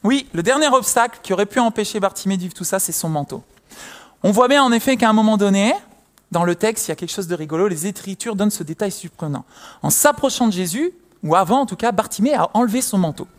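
A young man preaching a sermon, telling a personal story in a lively way and acting out the people in it. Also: sits high, fast. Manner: lively storytelling, acts out quoted voices.

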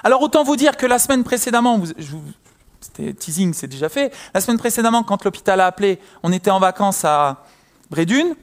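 High-voiced man preaching with lively storytelling. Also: fairly quick. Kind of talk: sermon with personal story.

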